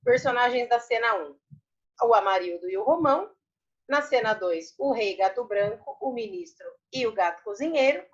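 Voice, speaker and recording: A woman's voice: on the high side, lively intonation, normal speed, muffled recording. A Brazilian woman teacher patiently explaining homework answers to young students, often repeating words and asking tag questions. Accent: Brazilian Portuguese. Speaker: primary school Portuguese teacher. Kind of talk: online class explanation.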